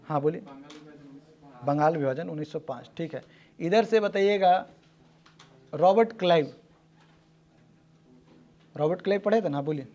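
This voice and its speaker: High-pitched guy teaching a class, fires off quiz questions and calls on students quick. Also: darkish tone, highs cut off. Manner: brisk, repeats answers back, jokes with class.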